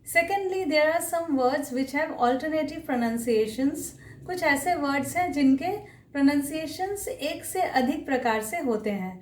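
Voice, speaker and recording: A high-voiced woman teaches pronunciation at an unhurried pace. She says each word slowly and repeats it for her learners. Her voice comes from a distance in a roomy, echoing space. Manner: repeats each word carefully, mixing Hindi with English terms. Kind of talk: explanatory lesson, slow and deliberate.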